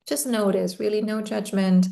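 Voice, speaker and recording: A woman guiding a relaxation meditation in a slow, soothing way, with long pauses between phrases. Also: medium pitch, fairly even intonation, gravelly, warm tone. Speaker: meditation guide. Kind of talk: guided meditation.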